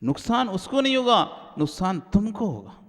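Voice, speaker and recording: A man's voice: sits high, moderate pace. A man, a Jain monk, giving a sermon and acting out everyday quarrels in a raised voice. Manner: animated, acts out quarrels in a raised voice. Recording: hall reverb.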